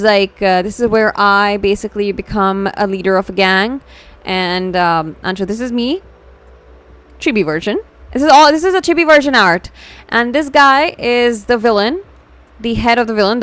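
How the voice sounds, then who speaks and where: A woman with an Indian accent hosts a casual VTuber livestream, reacting to fan art and viewers while mixing English and Hindi. Her medium-pitched voice is smooth and fairly bright, moving at a normal speed.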